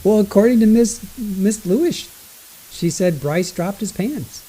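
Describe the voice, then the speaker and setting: Male livestreamer, higher-pitched but soft-edged, rambling reactive commentary, low gain hiss on the recording. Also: measured pace, husky, rough recording. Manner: rambling, self-correcting, exclaiming. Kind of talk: casual live reaction commentary.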